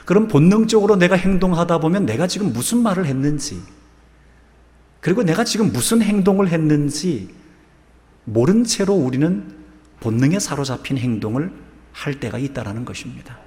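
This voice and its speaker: A male pastor preaching a sermon and telling a story slowly and deliberately. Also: on the high side, animated, mellow. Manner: slow, measured storytelling. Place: church sanctuary. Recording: long church reverb.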